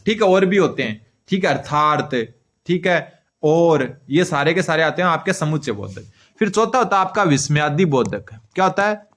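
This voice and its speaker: A man whose voice sits high and sounds a bit bright teaches a grammar lesson for exam prep. He poses questions and answers them himself, repeating key terms as he writes on a board.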